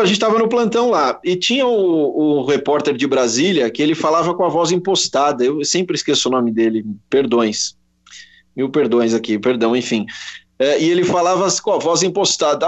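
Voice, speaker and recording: A man's voice: a little high, fairly quick. Brazilian man telling a story, lo-fi. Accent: Brazilian Portuguese. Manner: animated anecdote with quoted voices, many restarts. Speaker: guest, sports journalist. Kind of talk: casual storytelling interview. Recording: slightly dull lo-fi audio.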